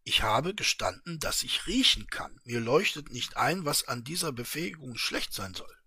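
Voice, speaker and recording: A man's voice: mid-range voice, expressive, normal speed, sharp tone, husky, no echo, studio quality, full character voice. A man doing a prim, indignant traveler. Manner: prim, formal, offended. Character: indignant, polite male traveler.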